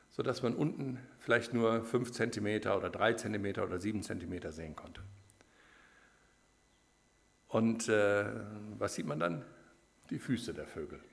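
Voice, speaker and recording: A male preacher delivering a casual, conversational sermon, telling stories and pausing with frequent fillers. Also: fairly low pitch, vocal fry.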